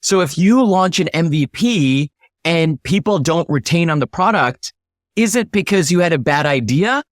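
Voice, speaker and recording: Speaking as an interview guest, a startup founder lays out his ideas in an emphatic, instructive way, acting out example questions to illustrate his points. His voice is on the high side and animated, at a normal pace, in studio-quality audio with no room sound.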